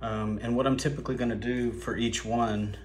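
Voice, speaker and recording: A man's voice: mid-range voice, flat delivery, brisk, slight background noise. A man casually explaining a hands-on craft step by step, with frequent ums and uhs. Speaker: lure-making video host. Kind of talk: casual how-to demonstration. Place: indoors at a tabletop workspace.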